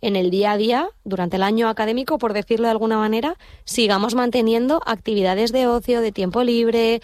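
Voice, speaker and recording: A woman from Madrid, a psychologist, explaining ideas on a radio show in a lively, confident way. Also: fairly high pitch, brisk, no room sound, clean studio sound. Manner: lively, explanatory, sure of herself. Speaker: psychologist guest. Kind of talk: casual radio chat. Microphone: studio microphone.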